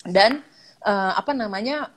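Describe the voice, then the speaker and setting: A woman speaking as a child psychologist in a casual chat, animated, acting out parents' lines with lively intonation and mixing in English words. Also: mid-range voice, a little slow. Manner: mixes English words into speech. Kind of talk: casual live-stream chat.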